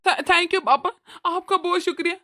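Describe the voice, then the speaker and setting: A woman's voice: extremely high pitch, normal speed, sharp tone. A woman doing an eager young son. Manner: eager, earnest. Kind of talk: cartoon voice acting.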